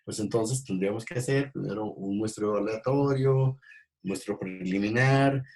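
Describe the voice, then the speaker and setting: A man gives an ecology lecture in a fairly low voice. He talks in halting stretches, full of fillers and restarts. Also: a little mellow. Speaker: ecology teacher. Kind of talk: recorded class lecture.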